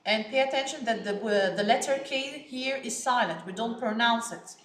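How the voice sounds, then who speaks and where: An Egyptian woman whose first language is Arabic teaches English vocabulary to children, repeating each word slowly and stressing it. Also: on the high side, a bit bright, echoey room. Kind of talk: slow classroom vocabulary lesson.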